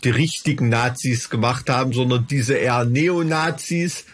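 A man's voice: medium pitch, fairly even intonation, normal speed, breathy edge. A man co-hosting a podcast, chatting casually and sardonically about politics, with frequent hesitations. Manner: sardonic, hesitant with many fillers. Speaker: podcast co-host.

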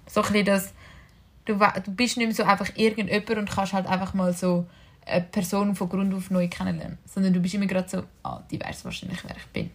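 A woman's voice: mid-range voice, flat delivery, fast. A young woman with a Swiss German accent in casual chat as a podcast co-host, thinking aloud with many filler words.

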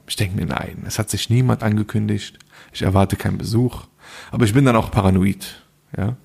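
A man's voice: lowish voice, steady tone, brisk, gravelly, a little mellow, slightly rough. A man co-hosting a podcast, telling a story in a casual, slangy way and acting out both sides of the dialogue. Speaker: podcast co-host.

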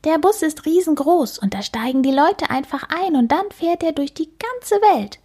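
A woman's voice: lively intonation, moderate pace, darkish tone. A woman doing a proud little girl. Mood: eager. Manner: eager, high childlike voice.

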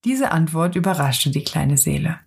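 A woman narrating a story in a soft, hushed, whispered role-play manner, with a husky voice. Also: low-pitched, expressive. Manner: soft, slow, hushed reading.

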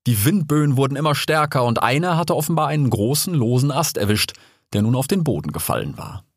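A man's voice: mid-range voice, animated, fairly quick, no room sound. Man reading a story aloud, dry studio sound. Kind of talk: audiobook narration.

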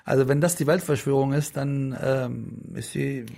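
A man's voice: medium pitch, fairly even intonation, moderate pace, gravelly, warm tone. A middle-aged man in a casual interview, talking in a rambling way with many restarts and fillers. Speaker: politician guest.

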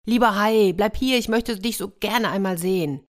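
A woman's voice: on the low side, moderate pace, lightly acted. Woman playing an eager little boy. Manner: eager, bright storybook child voice. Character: cheerful young boy, eager and kind. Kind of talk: children's story reading.

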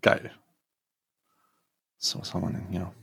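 A podcast host chats casually while unboxing an advent calendar, sounding excitable and scatterbrained and laughing often. He speaks a little slowly.

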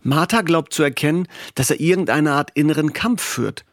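Gravelly male audiobook narrator. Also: on the high side, moderate pace, no room sound, clean studio sound. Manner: steady, expressive reading. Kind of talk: audiobook storytelling.

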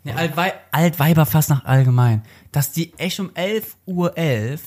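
A woman's voice: low voice, measured pace, darkish tone. A woman co-hosting a casual chat, throwing in blunt, teasing remarks.

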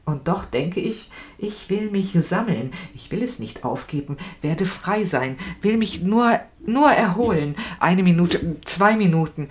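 Expressive woman reading a novel aloud. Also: lowish voice, measured pace, few pauses. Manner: expressive, emotional, shifting between fear and anger. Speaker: reader. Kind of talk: literary reading, first-person narration.

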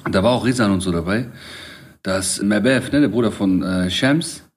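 A man in his thirties, co-hosting a casual chat and telling stories in a slangy, animated way. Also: on the low side, normal speed. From Germany. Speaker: podcast co-host.

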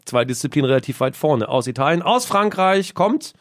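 A man chatting casually as a co-host, full of jokes and mock-serious asides. His pitch swings freely up and down. The sound is close and dry, with no room around it. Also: a little fast, no echo. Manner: joking, teasing, lively. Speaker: podcast co-host. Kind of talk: casual sports chat.

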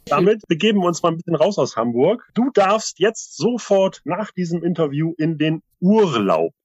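A male host runs a casual interview in a fairly high voice. The recording is slightly dull and band-limited. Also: big pitch swings, normal speed, a little mellow. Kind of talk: casual radio-style interview hosting.

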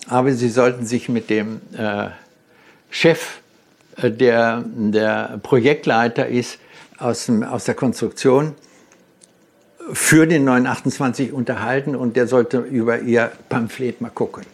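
Gravelly German man telling a story. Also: medium pitch, steady tone, unhurried. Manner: storytelling, acts out quoted dialogue, hesitant fillers. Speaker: interviewee, car designer. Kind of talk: reminiscing in an interview.

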